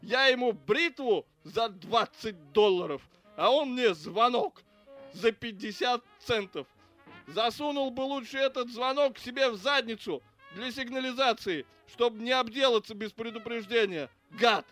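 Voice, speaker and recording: High-voiced and crude, this is a foul-mouthed cop, read by a man who rants and swears without pause. Faint music plays beneath the audiobook reading. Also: fairly bright tone. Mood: ranting. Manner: crude, ranting, cursing. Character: foul-mouthed grudging adult male cop.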